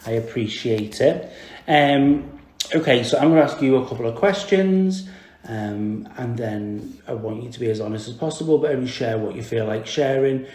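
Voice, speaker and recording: A man's voice: medium pitch, normal speed, a little mellow. A man with a Merseyside accent hosting a podcast interview, cheeky and jokey, swearing casually. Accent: Merseyside English. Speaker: podcast host. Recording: echoey room.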